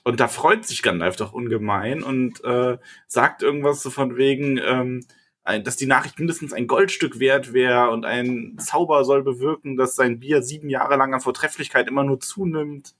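A man co-hosting a casual book podcast, calmly retelling scenes and chatting. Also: mid-range voice, moderate pace. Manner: relaxed, thoughtful retelling. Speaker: podcast co-host.

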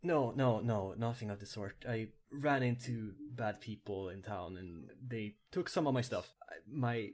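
A man voicing a wounded, weary young researcher who talks quietly and haltingly. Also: fairly low pitch.

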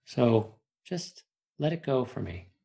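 A man with a gravelly, creaky voice leads a guided relaxation meditation. He gives soothing instructions slowly, leaving long pauses between short phrases. His pitch sits in an ordinary male range, with fry in the tone. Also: big pitch swings, mellow.

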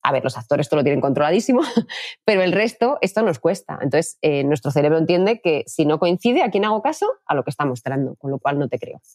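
Fast-talking woman coaching communication. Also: low-pitched, animated, darkish tone, no echo, clean studio sound. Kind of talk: interview answers.

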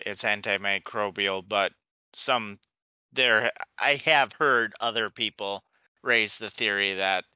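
A man co-hosting a podcast, chatting in a slow, measured, musing way. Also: lowish voice, bright, forceful tone, clear, resonant tone, no echo. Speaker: podcast co-host. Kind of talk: casual chat.

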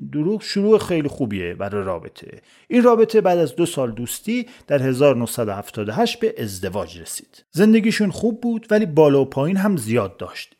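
A man's voice: on the high side, darkish tone. A man hosting a podcast, telling a life story in scripted, sarcastic narration with mock-pious asides. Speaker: podcast host.

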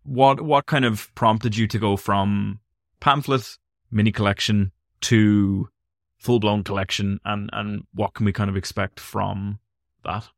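A man's voice: fairly low pitch, steady tone, a little slow, vocal fry, no echo, studio quality. A man hosting a casual interview, putting his questions and thoughts in a hesitant, thoughtful way.

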